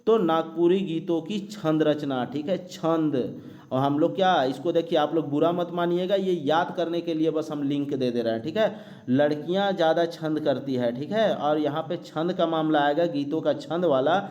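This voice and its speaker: A man teaching an exam-prep lecture. He reads each question slowly, then explains the answer step by step. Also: on the high side, darkish tone, muffled recording. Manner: explains step by step, frequent "ठीक है" and "दोस्तों".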